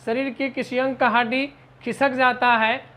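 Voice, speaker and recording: Slow-spelling woman English teacher. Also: high-pitched, little pitch movement, fairly bright tone. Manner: spells each word letter by letter, then explains it slowly. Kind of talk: vocabulary lesson.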